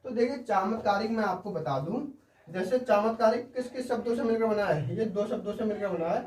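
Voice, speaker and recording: A man's voice: sits high, a little fast, a little mellow. Man teaching spelling in a roomy echo. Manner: explains word by word, keeps checking in with listeners. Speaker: Hindi grammar teacher. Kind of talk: online spelling lesson. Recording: roomy sound, mic at a distance.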